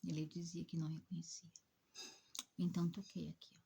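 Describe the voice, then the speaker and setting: A woman narrates an emotional spiritual experience, often slipping into a hushed, breathy near-whisper. Her voice sits low and dark, very husky and gravelly, with a mellow warmth. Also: level tone, brisk. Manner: hushed, breathy, dramatic delivery. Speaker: spiritist rescue worker.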